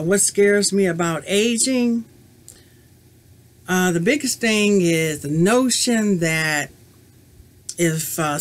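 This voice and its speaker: In a small room at home, a woman in her fifties answers tag questions for her crochet vlog, speaking to a webcam set at desk distance. Her lowish voice wanders and reflects in casual chat, often leaning on "you know."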